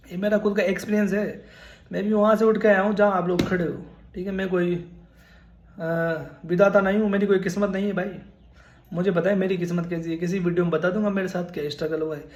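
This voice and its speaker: A man's voice: high-pitched, little pitch movement, brisk, a little mellow, echoey room. A man in his twenties giving casual, earnest advice on studying for a nursing exam, repeating points and calling listeners brother. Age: 20s. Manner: earnest, repetitive, addresses viewers as brother. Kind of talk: casual advice talk to camera.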